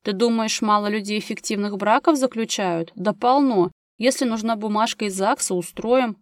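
A woman doing gruff, curt neighbor Gera. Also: mid-range voice, normal speed, dry recording, clean studio sound, lightly acted. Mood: blunt. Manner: curt, businesslike, bossy. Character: gruff blunt grown man, a practical ex-paramedic neighbor.

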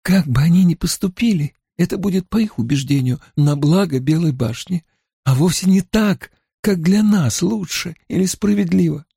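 A man's voice: fairly high pitch, lively intonation, moderate pace, creaky, warm tone, slightly rough, no echo, clean studio sound, pitched above the performer's own voice, full character voice. A man voicing a frustrated, outspoken young noblewoman in a nasal whisper. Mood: bitter.

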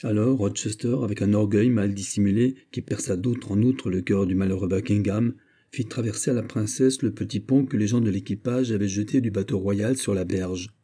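A man narrating a classic novel as an audiobook in a measured, even storytelling manner. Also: fairly low pitch, breathy edge.

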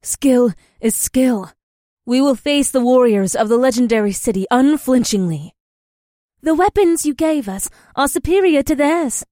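A man voicing a soft-spoken, solemn young female warrior who is devoted to her leader. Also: very high-pitched, animated, unhurried, no room sound, studio quality, voice pushed up.

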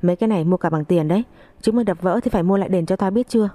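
A woman reading the part of a sharp-tongued old mother-in-law who scolds crudely, in a storybook narration. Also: on the low side, racing, no echo, lightly acted. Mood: scolding.

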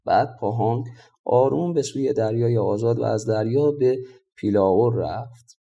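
Calm male storybook narrator, mellow tone. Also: mid-range voice, vocal fry, muffled recording.

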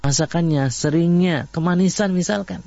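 A man with an Indonesian accent preaching a sermon on marriage, telling stories in a repetitive, lively way. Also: a little high, moderate pace, gravelly, dry recording. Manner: repetitive, animated storytelling with acted quotes. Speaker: Islamic preacher. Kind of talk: radio-style sermon on marriage. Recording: dull lo-fi voice recording.

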